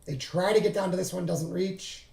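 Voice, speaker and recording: A trading streamer is losing his voice as he walks through his charts on a casual screen-share, thinking aloud and often correcting himself. His voice is gravelly and fading, pitched a little high with a mellow, darkish tone. He speaks at normal speed with fairly even intonation, and the room adds a clear echo.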